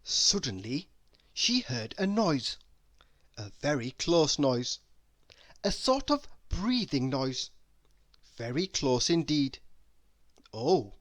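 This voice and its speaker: A children's story is read aloud by a storybook reader whose mid-range voice moves through it in a deliberate, expressive way.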